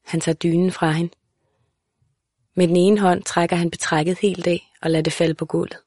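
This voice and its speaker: A woman narrating a literary audiobook in a calm, measured, even way. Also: lowish voice, no echo, studio quality.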